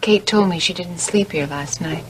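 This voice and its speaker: A woman's voice: on the low side, normal speed, slight background noise, lightly acted, rough recording. An actress playing a chatty, familiar ranch woman in a 1980s soap opera. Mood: casual.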